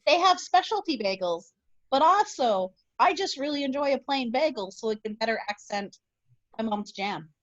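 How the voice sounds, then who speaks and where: A woman's voice: high-pitched, animated, normal speed, fairly bright tone, highs cut off. A woman playing her character at a tabletop game, cheerful and chatty. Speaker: player voicing Bruce.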